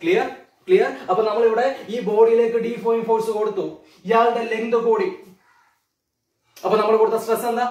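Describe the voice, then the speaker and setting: High-voiced Malayali physics teacher. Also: male voice, steady tone, a little mellow. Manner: keeps asking students questions, calls them children; repeats key terms slowly. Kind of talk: classroom lecture. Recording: echoey room, mic a bit distant.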